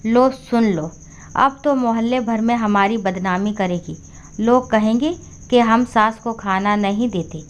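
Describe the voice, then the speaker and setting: A woman voicing a harsh, resentful daughter-in-law who talks in a sharp, scolding way in a storybook. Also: fairly high pitch, measured pace, smooth, lightly acted.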